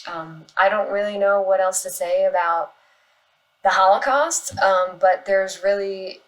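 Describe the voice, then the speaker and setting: A woman's voice: mid-range voice, a little slow, low-quality recording. Earnest, insistent woman arguing her case. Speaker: animal rights activist responding to comments. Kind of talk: casual spoken commentary reacting to online comments.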